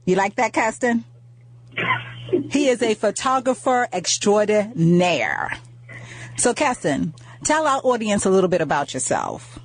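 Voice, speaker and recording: A woman's voice: mid-range voice, big pitch swings, unhurried, no room sound. A woman hosting a radio talk show, upbeat and chatty, repeating words and using fillers.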